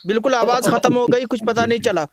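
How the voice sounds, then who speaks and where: A man's voice: very high voice, steady tone, quick pace, over a noisy crowd. A man, a student calling out to the teacher from the back of the class.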